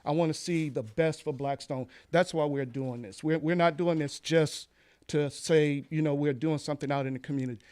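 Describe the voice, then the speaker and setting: A man's voice: fairly high pitch, steady tone, normal speed, a little mellow, smooth. A man, a pastor, earnestly addressing a town council meeting, repeating key phrases with some fillers. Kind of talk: public comment at council meeting.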